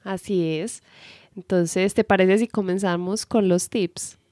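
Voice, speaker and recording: A woman co-hosting a relationship advice talk, calm and explanatory with some false starts. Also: medium pitch, slow pace, no echo, clean studio sound. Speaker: co-host and relationship coach. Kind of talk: casual advice talk to viewers.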